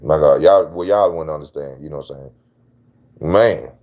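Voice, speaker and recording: A man's voice: a bass voice, normal speed, warm tone. A man hosting his own channel, giving casual opinion commentary in a slangy, emphatic way that repeats his points. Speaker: channel host.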